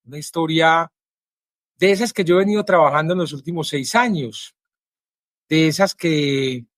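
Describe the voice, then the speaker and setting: A male journalist with a Colombian Spanish accent, introducing his guest and asking questions in a measured, earnest way with frequent pauses. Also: fairly high pitch, no room sound, studio quality. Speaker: journalist and interviewer.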